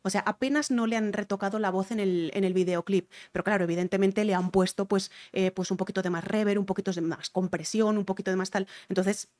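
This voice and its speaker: A woman's voice: mid-range voice, steady tone, fast talker, few pauses, darkish tone. A woman with a Spain Spanish accent, a vocal coach reacting to a music video and explaining singing technique, repeating her key points.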